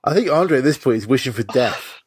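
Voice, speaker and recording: A man's voice: medium pitch, animated, brisk, slightly rough, dry recording, clean studio sound. A man chatting casually about wrestling as a podcast panellist.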